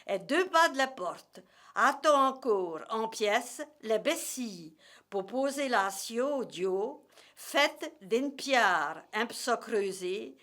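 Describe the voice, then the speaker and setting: A woman with a rural Morvan accent from Burgundy, reading a story aloud in regional dialect in a deliberate, measured way. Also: on the high side, a bit bright.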